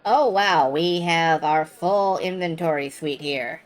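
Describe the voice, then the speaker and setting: A woman's voice: deep voice, slow, a faint crowd. A woman giving casual live commentary as she streams a video game.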